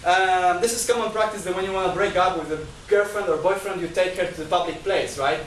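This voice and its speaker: A man with a high voice and fairly even intonation talks fairly quickly as a guest speaker at a discussion group. The lecture-style talk, held indoors at a talk venue, covers numbered points with many restarts and repeated words; he is not a native Chinese speaker. Slight background noise accompanies the distant mic in the echoey room.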